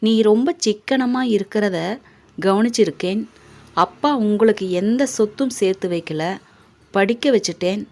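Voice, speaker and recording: A woman voicing an aging middle-class father who speaks softly and tenderly to his grown son. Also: medium pitch, a little slow, natural voice.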